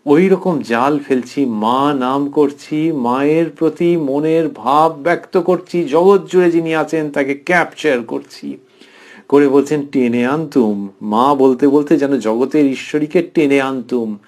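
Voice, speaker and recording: A middle-aged man giving a devotional lecture, reading quoted passages aloud and explaining them slowly and earnestly. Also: fairly high pitch, a little mellow. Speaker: spiritual lecturer. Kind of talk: devotional scripture commentary.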